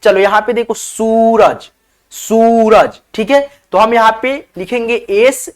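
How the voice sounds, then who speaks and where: Sounding out words one letter at a time, this online teacher runs a spelling lesson for beginners in a high, fairly bright voice at normal speed. He calls his viewers friends, frequently says "theek hai," and invites them to comment.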